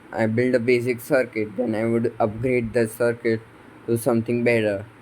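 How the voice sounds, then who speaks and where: A man vlogging about his electronics project, thinking aloud in a halting way and often restarting sentences, sounding sleepy. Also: mid-range voice, a little mellow, a little hiss or hum, rough recording. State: sleepy, yawning. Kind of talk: thinking aloud while tinkering.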